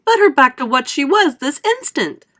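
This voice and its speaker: A woman's voice: high voice, sing-song, moderate pace, pushed and bright, voice pushed up, heavily acted. A woman reading aloud, voicing a frantic middle-aged mother who screams and shrieks in panic. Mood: shrieking panic.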